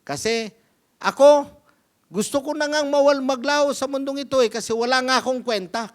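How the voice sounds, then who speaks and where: A bitter, whining grown man who grumbles about everything, as a preacher puts him on. The voice sits noticeably higher and sharper than the speaker's own. He complains in a steady, sour stream. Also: moderate pace.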